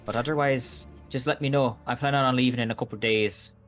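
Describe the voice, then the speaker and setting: A man playing a weary, guarded agent in a tabletop game, speaking in a grave, measured, cautioning way. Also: mid-range voice, steady tone, fairly bright tone, faint music behind, pitched above the performer's own voice, lightly acted. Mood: frank. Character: weary, guarded male agent warning adventurers off.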